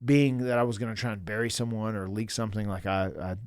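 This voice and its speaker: A man in his fifties, a pro wrestler telling stories in a casual interview, animated and full of restarts and fillers. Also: fairly low pitch, fast, clean tone, no echo, studio quality. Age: 50s.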